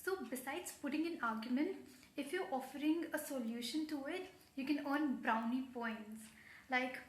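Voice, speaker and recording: A young woman with an Indian accent, working as a pageant coach, gives tips in a high voice at a normal speed. Her delivery is poised and earnest, like a contestant answering judges, and her instructions are formal and carefully worded. The recording sounds roomy and echoing.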